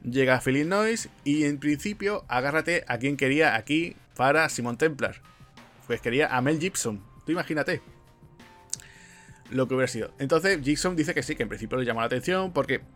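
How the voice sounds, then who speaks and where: A man's voice: medium pitch, fairly quick, a bit bright, soft background music. Chatty man telling film trivia. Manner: chatty storyteller, frequent fillers and asides. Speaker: podcast host. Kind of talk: casual film podcast chat.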